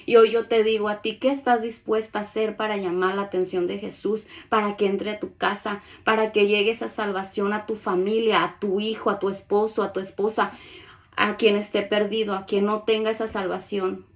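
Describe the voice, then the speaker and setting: Woman preaching, earnest, reads scripture out loud and acts out the pleas, mid pitch. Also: little pitch movement, normal speed. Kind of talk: sermon with Bible reading.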